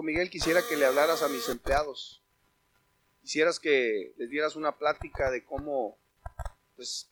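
A man preaching a sermon, shouting out scripture and quoted lines with passion. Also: on the high side, dry recording.

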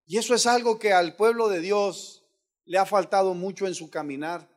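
A man preaching a sermon as pastor, swinging between rising shouts and sudden hushed asides. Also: high-pitched, fairly even intonation, moderate pace.

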